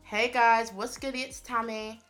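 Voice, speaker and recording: A woman co-hosting a casual podcast chat, playful and teasing, a little hoarse as she recovers from illness. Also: a little high, flat delivery, measured pace, a bit bright, faint music behind. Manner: playful, teasing, laughs often. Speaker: podcast co-host.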